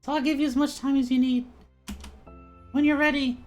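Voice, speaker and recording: A man voicing a cheerful, gentle teenage girl in a soothing, eager, high voice while reading a visual novel aloud. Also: little pitch movement, brisk, faint music behind.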